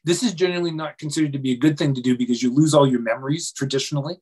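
A man, a dreamwork coach, telling a long personal story in a relaxed interview, with many pauses, restarts and fillers. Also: fairly high pitch, slightly rough. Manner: hesitant, many restarts and fillers, self-deprecating.

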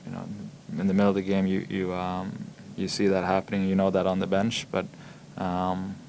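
A young man, a hockey player, answering reporters' questions at a postgame press conference, halting and full of ums and repeated words, speaking into table microphones in a press room. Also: low-pitched, completely flat delivery, a little mellow, slight background noise. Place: press room in front of a logo backdrop. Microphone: table microphones in front of him.

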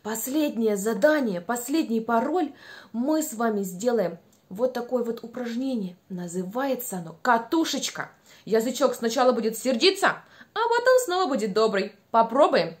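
A young woman with a high voice leads small children through speech exercises. She is playful and encouraging, animated in delivery, and over-enunciates her words. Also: normal speed. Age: young adult. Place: small room at home by a window.

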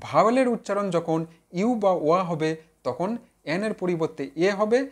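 A man teaching an online grammar lesson. He talks straight to his viewers, asks and answers his own questions, and slowly repeats example words to drill their pronunciation. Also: high-pitched, animated.

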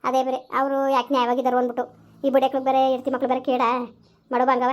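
A woman acts out a grieving old village mother in a homemade skit, scolding and lamenting in blunt village speech. The voice sits high and piercing. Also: monotone, quick pace, a little mellow, natural voice. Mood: scornful. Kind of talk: amateur village skit acting.

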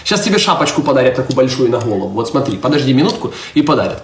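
Fast-talking young priest in echoey church. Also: male voice, medium pitch, very animated. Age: 20s. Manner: chatty, answers viewer comments, teases his little daughter. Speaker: priest streaming live. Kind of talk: casual live-stream chat. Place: church interior. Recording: roomy echo, faint background noise.

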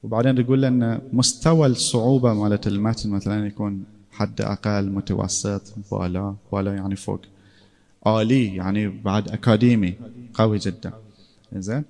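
A man's voice: lowish voice, flat delivery, a little fast, vocal fry, dark tone. A man giving a casual classroom lecture, conversational and often checking in with his listeners.

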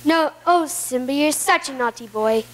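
A villainous lion uncle in an amateur stage play, acted by a woman. The voice is high and coaxing, with manipulative charm and feigned sweetness laid on for a trusting victim. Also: normal speed, fairly bright tone, a little hiss or hum. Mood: coaxing, falsely sweet. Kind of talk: amateur school stage musical acting. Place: school auditorium stage. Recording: stage play recorded from the audience.

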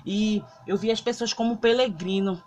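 A woman's voice: mid-range voice, moderate pace, a little hiss or hum. A Brazilian woman recording on her phone, emotionally recounting a dream in rambling casual speech full of fillers. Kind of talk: casual spoken testimony. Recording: loud guitar music behind the voice.

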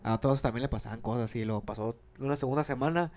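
A podcast host from Monterrey, in his twenties, spins a long, animated story in quick, slangy, rambling fashion. He has a middle-pitched voice and a northern Mexican accent, and the mood is a casual storytelling chat.

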